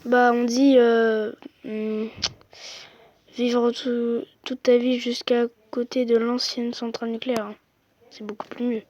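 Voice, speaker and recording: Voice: medium pitch, level tone, takes it slowly, darkish tone, no room sound, lo-fi sound. A young speaker giving casual, slangy commentary while playing a quiz game on a phone, chatting to viewers. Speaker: gamer playing a quiz app. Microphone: phone microphone.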